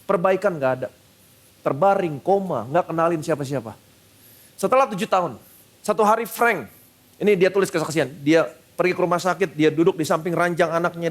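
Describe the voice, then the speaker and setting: A male pastor preaching a sermon at a church service, emphatic and repeating short phrases, with English phrases mixed in. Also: fairly high pitch.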